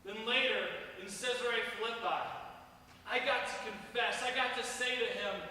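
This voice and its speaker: An impassioned apostle Peter, played by a man pours out a stage monologue in a bright, high voice. Earnest and remorseful, he swings from calm telling to anguish. The sound is distant and echoes around a long church hall. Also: normal speed, a little hiss or hum, full character voice. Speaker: actor in a church play. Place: church sanctuary.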